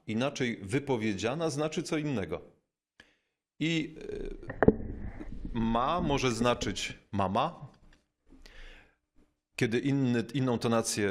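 A man, a bishop, giving a reflective spiritual talk, thoughtful and unhurried, with frequent pauses and fillers, slowing down to stress key words. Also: mid-range voice. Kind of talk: reflective spoken teaching.

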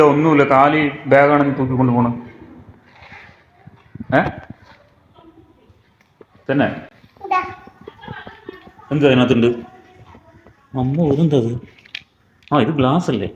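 A man's voice: medium pitch, takes it slowly, pauses often. Teasing man in a roomy home. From Kerala. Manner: teasing, playfully quizzing a small child. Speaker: father and village vlogger. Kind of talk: casual family vlog. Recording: roomy, dull, noisy home recording.

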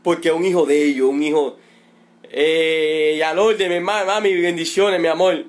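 The father of a detained protester, a middle-aged man from Cuba, pleads indignantly on a livestream, repeating himself and stretching words out for emphasis as he makes his emotional appeal. He speaks on the high side with fairly even intonation.

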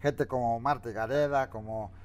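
A man's voice: mid-range voice, steady tone, normal speed, clear, resonant tone, natural voice. A man playing a crude, boastful masked figure with a Mexican accent who calls himself a god, mocking and swearing in a comedy interview. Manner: swaggering, foul-mouthed, mocking.

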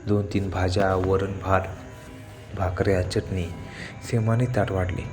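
A man narrating a scripted horror story in a steady, suspenseful manner. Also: low-pitched, unhurried, music in the background.

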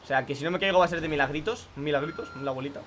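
A man's voice: a little high, very fast, a bit bright, a little hiss or hum. A young man with a Spain Spanish accent, commenting live on his gameplay for viewers, exasperated and swearing often. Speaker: gaming youtuber.

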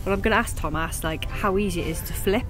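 A British woman chatting excitedly in a casual travel vlog, outdoors in a small town, saying "like" a lot. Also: mid-range voice, quick pace, music in the background. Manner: chatty, excitable, says "like" often. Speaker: vlogger.

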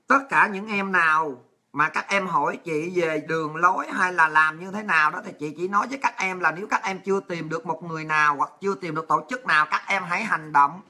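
Southern vietnamese woman on a livestream, crude and ranty, very sharp bright tone. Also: on the low side, a little fast. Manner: ranting, crude and abrasive. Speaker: livestream host. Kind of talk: angry livestream rant, reading viewer messages.

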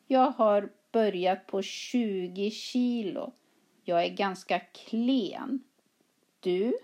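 Lady teacher reading a practice dialogue, slow and super clear, warm mellow voice. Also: medium pitch, muffled recording. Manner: carefully articulated, reads both parts of a dialogue. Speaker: Swedish teacher.

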